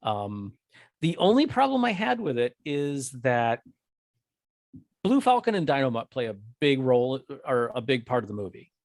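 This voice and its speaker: A man's voice: mid-range voice, very animated, moderate pace, creaky, dry recording. A man co-hosting a casual chat about movies, rambling with many restarts. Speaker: podcast co-host.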